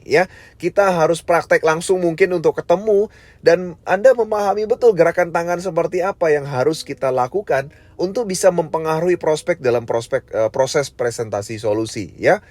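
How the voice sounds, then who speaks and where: A man teaching a sales training session, deliberately swinging between high and low pitch and fast and slow speech, often adding a tag word at the end of sentences. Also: darkish tone, no room sound. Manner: varies pitch and pace on purpose, frequent tag "ya"; addresses listeners as "sahabat sekalian". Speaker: network marketing trainer. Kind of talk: online training lecture.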